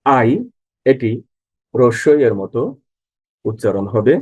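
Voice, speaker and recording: Slow, mellow male English teacher. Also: mid-range voice, no echo, rough recording. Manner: reads example words one by one, then explains each sound. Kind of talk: slow spoken pronunciation lesson.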